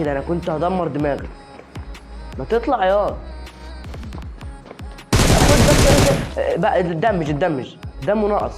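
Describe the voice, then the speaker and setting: Fast-talking Egyptian woman narrating gameplay. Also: fairly low pitch. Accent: Egyptian Arabic. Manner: excitable, chatty, talks straight to the viewer. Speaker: gaming channel host. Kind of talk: shooter gameplay commentary. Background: game music and gunfire.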